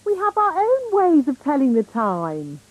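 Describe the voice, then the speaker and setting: A woman voicing a bossy, brisk fairy nanny in a children's cartoon, with a British accent and a haughty, theatrical manner. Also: high-pitched, huge pitch swings, no echo, exaggerated voice, rough recording. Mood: breezy, proud. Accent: British English.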